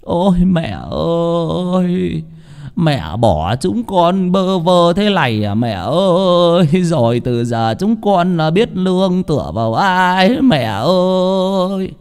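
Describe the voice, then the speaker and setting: A man voicing a grieving middle-aged village man in a drawn-out, sobbing lament. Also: a little high, sing-song, darkish tone, voice pushed up. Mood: wailing grief.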